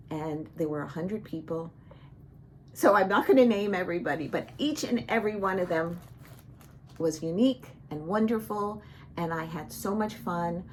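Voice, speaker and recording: A woman's voice: fairly low pitch, creaky, a little hiss or hum. A woman hosting her own cross-stitch vlog, chatting casually and rambling with many fillers and restarts. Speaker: cross-stitch vlogger, show host.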